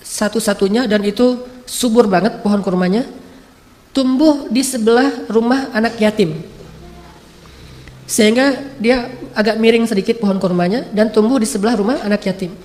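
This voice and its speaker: A man's voice: sits high, darkish tone. A man preaching a sermon, telling stories in a casual, joking way and acting out short quotes. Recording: long hall reverb.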